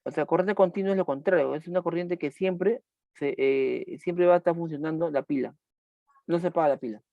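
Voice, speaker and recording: A man's voice: fairly high pitch, fairly quick, vocal fry, dry recording, phone-quality sound. A man teaching a chemistry class online, repeating key points and asking students questions as he goes.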